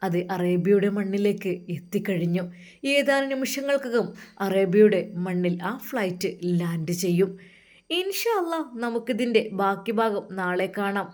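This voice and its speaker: A woman's voice: mid-range voice, lively intonation, normal speed, darkish tone. A woman narrating an emotional religious story in a dramatic, heartfelt manner, with pious interjections.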